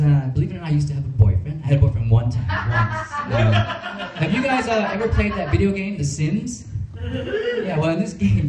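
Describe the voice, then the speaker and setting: A man's voice: fairly high pitch, warm tone, distant mic, a little hiss or hum. A man doing self-mocking stand-up comedy at a club, with plenty of ums and uhs. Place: comedy club with live audience. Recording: roomy stage sound from afar.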